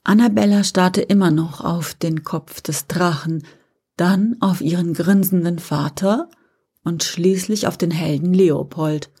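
A woman narrating a storybook in a soft, often half-whispered voice. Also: fairly low pitch, a little slow, husky.

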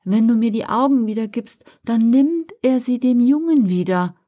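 A woman voicing a young blinded female angel, pleading and tearful in a higher, rising whisper, in a whispered role-play. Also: moderate pace, warm tone, lightly acted. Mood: anguished pleading.

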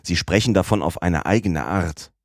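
A sly detective presses his case in a low, insistent tone, as a man reads him. The voice is deep and the recording dry and close. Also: moderate pace, no echo. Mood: coaxing. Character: crafty English police detective, middle-aged man, persuasive.

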